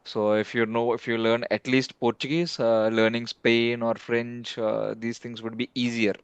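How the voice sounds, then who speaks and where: A man's voice: mid-range voice, little pitch movement, normal speed, clean tone, dry recording. A man hosting a casual video-call chat, speaking hesitantly and often saying "like". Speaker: host. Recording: dull, band-limited video call audio.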